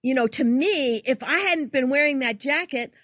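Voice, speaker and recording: A woman's voice: high-pitched, moderate pace, no echo, clean studio sound. An older woman, a guest artist, telling a story in casual conversation and acting out the quoted lines. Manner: animated, acts out quoted dialogue.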